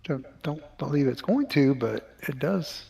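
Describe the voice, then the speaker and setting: A man's voice: mid-range voice, expressive, measured pace, creaky, crowd noise. A man co-hosting a live trading stream, chatting casually with wry, joking banter. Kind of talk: casual chat while trading.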